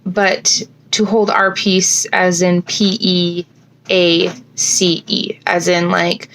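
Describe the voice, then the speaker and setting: A woman's voice: on the low side, flat delivery, slow pace, fairly bright tone, rough recording. Chatty woman with slightly slurred, fat-lipped speech. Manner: informal, thinking aloud with frequent self-corrections. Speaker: scripture podcast host. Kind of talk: casual, chatty scripture reflection. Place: bedroom at home.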